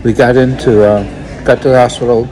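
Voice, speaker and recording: An older man recounting a story to his phone camera, halting and reflective, with many pauses and fillers. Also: mid-range voice, steady tone, crowd noise. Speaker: vlogger. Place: indoors in a wood-panelled restaurant or bar. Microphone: phone held close, selfie framing.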